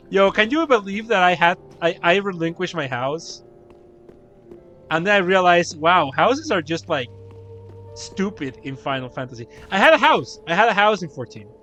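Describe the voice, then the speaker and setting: With a high voice that swings widely in pitch, he speaks a little slowly, leaving long pauses, his tone pushed and bright over soft background music. The young streamer chats while gaming, telling meandering, laugh-filled stories peppered with profanity.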